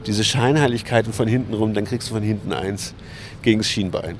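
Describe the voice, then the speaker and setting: An interview guest from Berlin, Germany, reminisces casually outdoors on a large urban lawn, recorded with a lot of noise. His lowish voice is fairly even in intonation and a little fast, and he comes across as candid and conversational, searching for words.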